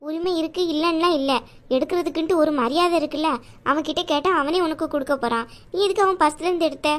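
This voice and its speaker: A woman's voice: sits high, quick pace, natural voice. A woman voicing a worried middle-aged mother in a cartoon, fretting and questioning her children. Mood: fretful. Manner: fretful, questioning. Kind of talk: animated cartoon voice acting.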